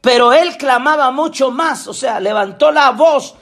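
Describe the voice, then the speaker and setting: Predicador de voz muy aguda y apasionada. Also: male voice, very high voice. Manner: impassioned, preaching with rising shouts and drawn-out phrases. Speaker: apostle preacher. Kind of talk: sermon.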